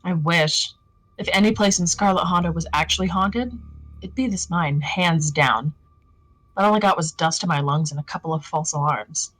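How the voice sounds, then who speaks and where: A woman's voice: fairly low pitch, moderate pace, a bit bright, dry recording, poor audio. A woman voicing a cheerful, wisecracking young ghost hunter in a fan voice drama. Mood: breezy. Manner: cheerful, joking and unbothered.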